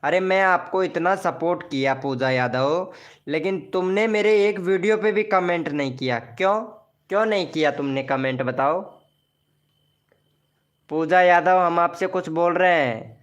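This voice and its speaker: A man's voice: on the high side, a little slow. A man hosting a casual live stream who promotes viewers' channels, teases them jokingly and calls each of them by name.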